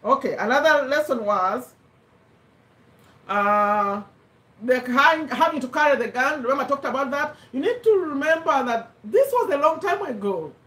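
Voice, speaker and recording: A middle-aged woman from Uganda, English not her first language, giving an animated motivational talk and repeating her points for emphasis. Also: high voice, moderate pace, distant mic. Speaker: host of a live business talk. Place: home room with a bookshelf, indoors. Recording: echoey room, voice a little off-mic.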